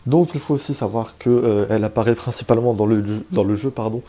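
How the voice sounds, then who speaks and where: A man's voice: on the low side, fast, warm tone. A man hosting a casual video, chatty and hesitant with many fillers and joking asides, over faint background music. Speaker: YouTube host presenting a game character.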